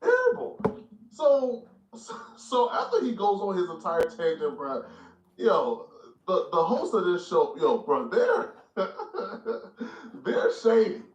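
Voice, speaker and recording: A man in casual commentary, animated and incredulous, full of slang. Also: sits high, slow, reverberant, poor audio.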